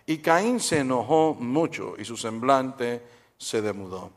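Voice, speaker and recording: A man's voice: medium pitch, animated, takes it slowly. A middle-aged man preaching a humorous sermon at a church service, telling jokes and quizzing the congregation. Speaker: pastor.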